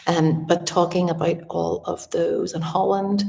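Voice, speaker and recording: A middle-aged woman with a slight slushy lisp from a retainer, chatting casually on a livestream in a reflective, halting way. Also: fairly low pitch, flat delivery, creaky, darkish tone. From Northern Ireland. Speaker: artist and art teacher hosting a live Q&A. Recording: echoey room, distant from the mic.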